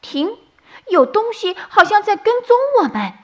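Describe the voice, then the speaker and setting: A woman doing a squeaky proud little rabbit. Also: sing-song, unhurried, fairly bright tone, exaggerated voice. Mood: wary. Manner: high and urgent.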